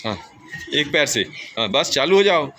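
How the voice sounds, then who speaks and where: A man's voice: on the high side, expressive, normal speed, music in the background. A man coaching children through a game, calling out instructions and encouragement. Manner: encouraging, calls out instructions and praise. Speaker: teacher. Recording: clearly noisy outdoor recording.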